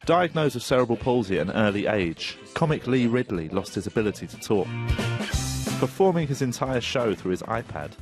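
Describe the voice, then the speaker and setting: A man's voice: mid-range voice, very animated, brisk, over music. A man reporting on comedy in scripted narration, with a wry, self-mocking manner. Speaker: technology reporter.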